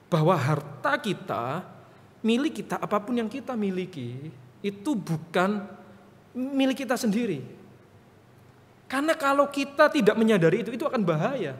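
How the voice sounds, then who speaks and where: A young man preaching a sermon, telling stories and speaking straight to the congregation. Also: a little high. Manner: storytelling, animated, addresses congregation directly. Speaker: evangelist preacher. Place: church hall. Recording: long church hall reverb.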